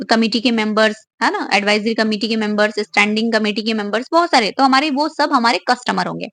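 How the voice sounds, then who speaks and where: A young woman teaches an exam-prep class, her voice pitched a little high. She explains each point step by step and puts questions to her students before answering them herself. The sound is close and dry, with no room around it. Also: fairly bright tone, dry recording. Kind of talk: online exam-prep lecture.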